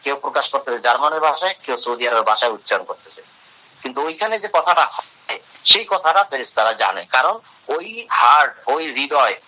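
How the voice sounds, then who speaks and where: Speaking fast and animated, a male Islamic lecturer with a mid-range, pushed, bright voice works through Quran verses in a religious talk. He translates the Arabic phrase by phrase and answers questions he asks himself, on a dull lo-fi recording.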